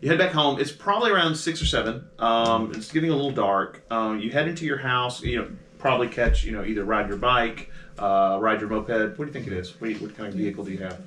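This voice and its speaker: A man's voice: medium pitch, fast talker, bright, forceful tone. A man narrating a tabletop game as game master in a casual, chatty way with lots of fillers. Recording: roomy with faint noise.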